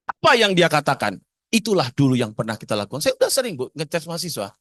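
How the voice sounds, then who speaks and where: Animated man. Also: a little high, quick pace, dry recording. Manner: animated, asks the audience questions. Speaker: parenting seminar speaker. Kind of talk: lively seminar talk to parents.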